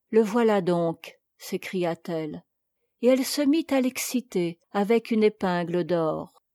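Slow, measured woman storyteller. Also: medium pitch, dark tone, no room sound, clean studio sound. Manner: measured, formal, literary. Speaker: narrator. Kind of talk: storybook narration of history.

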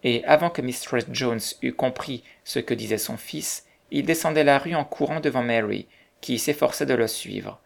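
A storybook narrator reads a novel in a measured, even way. The voice sits at a middle pitch and has a noticeable gravelly fry. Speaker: audiobook reader. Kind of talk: scripted narration.

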